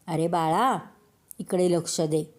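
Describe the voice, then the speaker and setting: A woman voicing a calm, wise father who gently explains things to his son in a storybook tale. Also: medium pitch, slow pace. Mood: gentle explaining. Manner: soothing, explaining kindly.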